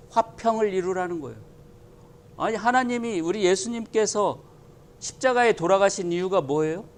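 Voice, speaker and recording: A man's voice: high-pitched, a little hiss or hum. A male pastor preaching a sermon, talking emphatically and asking the congregation many rhetorical questions.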